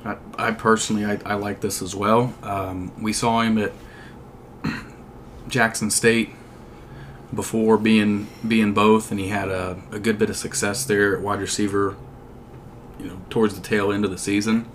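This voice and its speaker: A man co-hosting a casual sports podcast, talking in halting, hesitant phrases. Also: lowish voice, little pitch movement, slight background noise. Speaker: podcast co-host.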